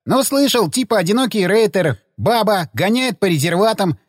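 Man doing a brash joking stalker, pitched high. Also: animated, moderate pace, no room sound, studio quality. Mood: mocking. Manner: wisecracking, boastful, loud. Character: brash wounded male stalker, joking and crude. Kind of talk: audiobook character voice.

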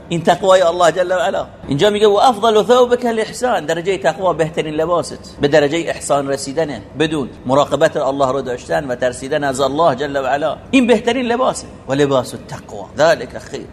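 A man's voice: fairly high pitch, a little hiss or hum. A man teaching a religious poem in sermon style, asking rhetorical questions and reciting Arabic quotations. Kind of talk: sermon-like lesson explaining a poem.

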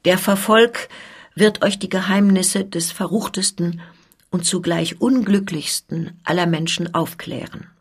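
A woman's voice: fairly low pitch, steady tone, measured pace, husky. A woman reading as an anguished young journeyman. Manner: earnest, agitated confession.

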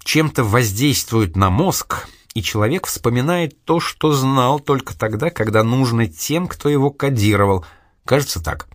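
A man's voice: medium pitch, lively intonation, unhurried, dry recording, clean studio sound, lightly acted. A man doing a chatty curious young woman. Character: lively young woman street vendor. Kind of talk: audiobook reading.

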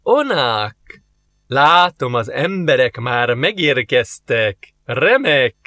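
Man voicing a scheming alien diplomat, formal, calm, audiobook, dry sound. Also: mid-range voice, no echo. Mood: smug. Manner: formal and calm, quoting rules.

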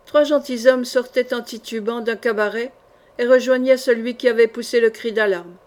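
Higher-voiced woman reading a novel. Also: fairly even intonation, moderate pace, a little mellow. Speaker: audiobook narrator. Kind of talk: scripted literary narration.

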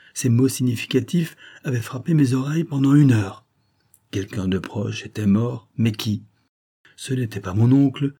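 Male audiobook narrator, measured literary delivery, low and dark. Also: slightly rough. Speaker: audiobook reader. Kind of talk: scripted narration of a novel.

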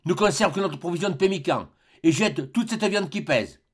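A man's voice: high voice, lively intonation, normal speed, slightly rough, pitched above the performer's own voice. A man reading aloud voices a brave, cheerful young servant with a raised, eager voice. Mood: pleading.

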